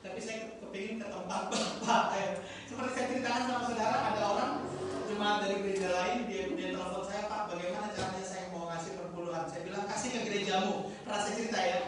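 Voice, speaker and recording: Echoey preaching man, lively. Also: sits high, fast talker, a loud crowd. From Indonesia. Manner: lively, swings from quiet confiding to loud exhortation. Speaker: pastor. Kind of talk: sermon with storytelling. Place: church hall. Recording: echoey hall, picked up from a distance.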